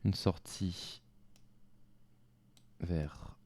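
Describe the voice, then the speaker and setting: A man's voice: low-pitched, steady tone, extremely slow, dark tone. A man commenting on his own play of a geography game, thinking aloud and talking to himself.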